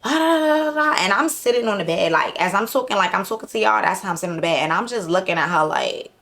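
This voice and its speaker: A woman's voice: lowish voice, quick pace, gravelly. Sassy woman telling a story. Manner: sassy, animated, lots of fillers. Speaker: vlogger. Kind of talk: casual storytime.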